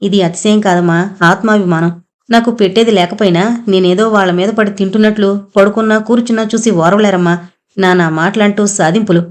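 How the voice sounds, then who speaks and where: A woman's voice: mid-range voice, fairly even intonation, a little fast, natural voice. A woman voicing a proud, caring young married daughter who speaks earnestly and with feeling. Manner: earnest and emotional.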